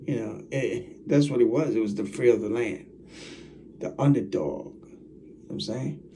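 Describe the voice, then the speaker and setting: Man, rambling casual vlog talk, mellow dark tone, faint hiss behind. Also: mid-range voice, measured pace, far from the mic. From United States. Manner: rambling, repeats himself, talks straight to viewers. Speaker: channel host.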